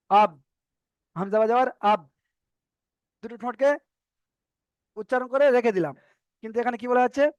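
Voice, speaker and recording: A man's voice: high voice, dry recording. A man teaching a Quran recitation class, repeating letters and rules again and again for students to memorize. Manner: repetitive, drills letters and rules aloud. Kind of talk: online tajweed lesson. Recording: dry, dull lo-fi sound.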